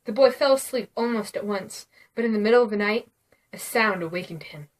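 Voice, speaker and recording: A woman reading a spooky story aloud and chatting casually, giggling often and dropping to a hush for the suspenseful parts. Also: medium pitch, brisk, distant mic. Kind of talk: casual storytelling and vlog chat.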